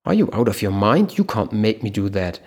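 A defiant captive man, as a male narrator puts him on, sarcastic and seething in an audiobook thriller. The voice is husky and gravelly, pushed a little higher. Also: sing-song, brisk, a little mellow, heavily acted. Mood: angry, defiant. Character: defiant angry male captive loading master.

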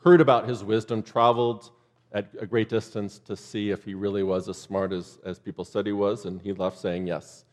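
A man's voice: on the low side, flat delivery, normal speed. A man preaching a sermon in a church, conversational and loose, with joking asides to the congregation. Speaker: pastor.

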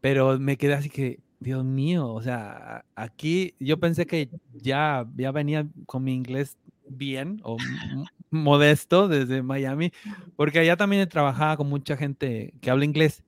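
A man with a Mexican accent chats as an interview guest, spinning lively stories and stumbling over repeated words while he gathers his thoughts. His voice sits at an ordinary pitch, and the recording is dry and close with no room sound. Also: measured pace, dry recording. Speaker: guest, opera tenor. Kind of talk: casual interview chat.

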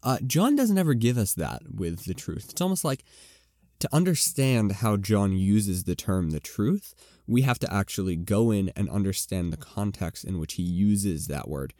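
A man's voice: lowish voice, expressive, moderate pace, mellow, dry recording, clean studio sound. A man hosting a Bible-teaching podcast, talking conversationally with frequent fillers and asides. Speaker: podcast host.

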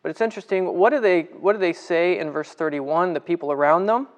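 A man's voice: high voice, fairly quick. A man leading a casual livestream Bible study, chatting with viewers, greeting them by name and asking them questions.

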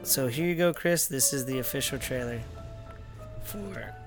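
A man's voice: mid-range voice, a little slow. A man hosting a podcast in loose, profane, rambling casual chat. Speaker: podcast host. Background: music playing.

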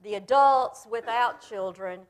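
A woman leading a children's sermon, talking gently and plainly to the kids in front of her and coaxing them along. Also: fairly high pitch, unhurried. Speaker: pastor leading a children's message.

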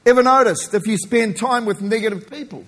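Husky, high-pitched Kiwi-Australian male preacher in a hall. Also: brisk, a bit bright. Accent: New Zealand softened by Australian. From New Zealand. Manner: emphatic, folksy, jokey asides. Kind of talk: sermon. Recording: echoey hall with long reverb.

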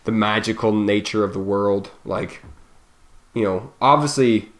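A man in his thirties co-hosts a podcast, musing loosely in casual chat and frequently trailing off before starting again. His voice is lowish and fairly bright, with a measured pace.

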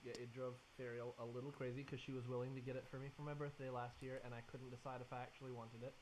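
A man's voice: mid-range voice, little pitch movement, fast talker, a little mellow, poor audio. A man co-hosting a podcast in casual chat, trading joking asides and reflecting at length. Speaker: podcast co-host. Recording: faint hiss.

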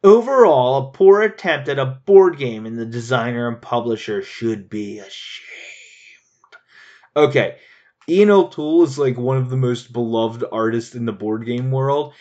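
A man chatting casually as a board game reviewer, animated and laughing, rambling with frequent restarts. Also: medium pitch, highs cut off. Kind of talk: casual chat.

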